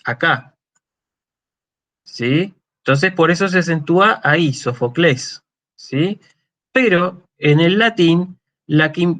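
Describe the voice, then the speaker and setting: Argentine man lecturing, slightly high voice. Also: fairly bright tone. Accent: Argentine Spanish. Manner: explanatory, often checks in with a questioning "¿sí?"; thinking aloud with fillers and restarts. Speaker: university lecturer. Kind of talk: university lecture.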